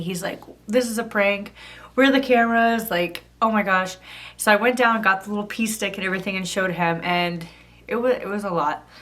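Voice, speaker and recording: A woman's voice: mid-range voice, fairly bright tone. A thirty-year-old woman vlogging, telling a personal story in a chatty, casual way with lots of "like". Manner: chatty, fillers of "like" throughout.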